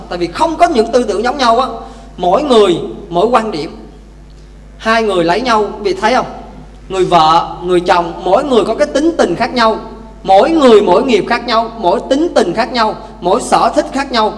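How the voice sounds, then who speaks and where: A man, a Buddhist monk, giving a lively dharma talk with stories, speaking directly to the congregation. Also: sits high. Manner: lively, addresses audience directly. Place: temple hall. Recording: echoey temple hall, faint hum.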